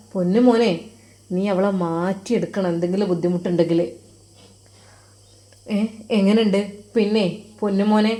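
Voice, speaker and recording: A woman voicing a kindly, affectionate old male religious teacher who coaxes and questions gently. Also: mid-range voice, close to an everyday voice. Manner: coaxing, tender, questioning. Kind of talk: storytelling.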